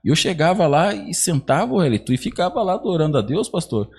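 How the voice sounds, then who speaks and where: Husky, lively man telling his testimony. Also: on the high side, a little fast. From Iguape, Brazil. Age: 30s. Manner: animated storyteller acting out quoted dialogue. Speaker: podcast guest. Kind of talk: personal faith testimony.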